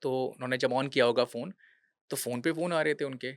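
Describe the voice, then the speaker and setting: A man's voice: mid-range voice, steady tone, fairly quick, no room sound, studio quality. A man in his thirties, a podcast guest, telling a true story earnestly in a conversational interview and dropping English words into his speech. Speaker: podcast guest, veterans' charity worker.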